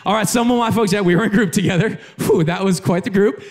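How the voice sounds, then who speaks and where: A man's voice: sits high, fast. A man in his thirties, an executive pastor, preaching a sermon in a conversational, storytelling way and talking with the congregation. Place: church auditorium with live congregation.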